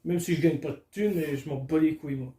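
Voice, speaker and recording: A man's voice: fairly high pitch, quick pace, mellow, reverberant. A man alone at home, chatting casually and crudely to his camera while unboxing. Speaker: vlogger. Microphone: camera filming him.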